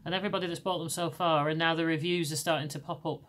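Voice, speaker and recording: A middle-aged woman hosts a podcast, chatting casually in a Lancashire accent from England. She speaks fast in a steady, slightly bright tone. Her naturally deep voice is hoarse after laryngitis, and she rambles with frequent restarts.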